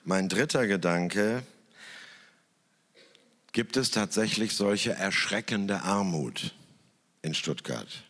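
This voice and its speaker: A man talks slowly and thoughtfully to an audience from a stage. His low voice rises and falls with lively emphasis between long pauses. A long reverb rings out through the hall. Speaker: speaker who works in church television. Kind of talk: reflective talk in front of an audience.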